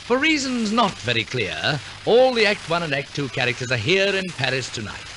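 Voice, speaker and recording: Leaning high and very animated at normal speed, this announcer narrates a 1940s radio operetta with theatrical, wry archness. Orchestral music fills the old broadcast recording.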